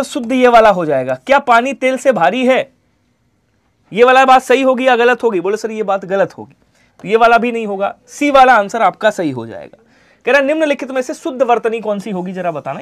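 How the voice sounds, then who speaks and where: A man teaching an online Hindi exam-prep class, who answers his own questions in the voice of his students and lets the ends of his sentences fall quiet. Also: very high-pitched, big pitch swings, a little fast. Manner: repeats answers in imagined student replies, drops to quiet trailing endings.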